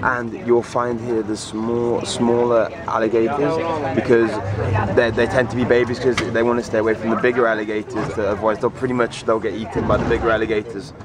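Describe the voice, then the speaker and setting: A man's voice: mid-range voice, little pitch movement, a little fast. A man chatting upbeat and jokey as a travel vlogger, filming outdoors on a tour. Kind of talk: casual vlog narration. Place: outdoors, at a swamp tour site and on a boat. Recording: outdoor video with crowd noise. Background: crowd chatter.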